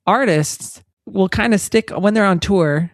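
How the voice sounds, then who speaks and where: Recorded in Texas with a dry, studio-quality sound, this woman co-hosts a podcast and chats casually, explaining things through examples. Her mid-range voice moves at an unhurried pace.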